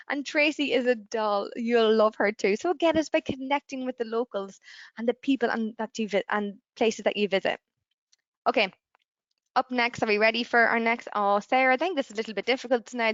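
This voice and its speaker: A woman's voice: high-pitched, dry recording, lo-fi sound. A young woman from Ireland, presenting travel destinations in a bubbly, gushing way over a video call. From Northern Ireland. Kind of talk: online travel showcase presentation.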